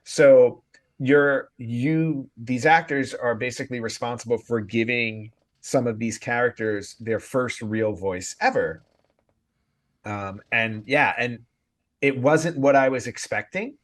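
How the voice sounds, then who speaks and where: A man's voice: mid-range voice, takes it slowly. Rambling man, casual podcast chat. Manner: thoughtful, rambling with many restarts and "like". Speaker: podcast co-host.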